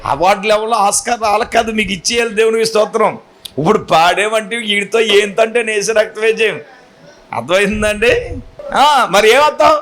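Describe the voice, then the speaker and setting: Man, pastor, sermon, high voice, urges the church to answer back. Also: a little fast. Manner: animated, keeps calling the congregation to answer aloud; teasing the congregation.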